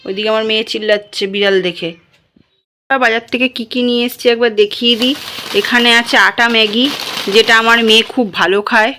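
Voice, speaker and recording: A woman's voice: on the high side, fairly even intonation, quick pace, pushed and bright, slight background noise. Chatty woman vlogging from the market. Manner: chatty, addresses viewers directly. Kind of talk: casual vlog chat.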